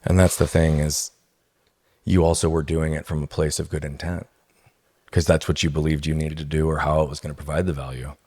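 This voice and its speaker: A man with a very low, deep voice talks as a podcast guest. He tells his story with emphasis and keeps checking in with his listeners. The recording is dry and close, with no room sound. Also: flat delivery, brisk, dark tone, no echo. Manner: emphatic, tags points with "right?". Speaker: guest speaker. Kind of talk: podcast interview, personal storytelling.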